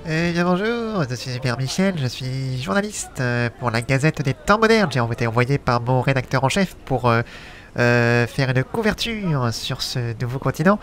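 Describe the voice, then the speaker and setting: A man's voice: medium pitch, animated, normal speed, fairly bright tone, soft background music, natural voice. A man playing a journalist in a tabletop game with a mock radio-announcer delivery. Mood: announcerly. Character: radio-voiced period journalist, adult man. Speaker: player. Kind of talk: tabletop role-play in character.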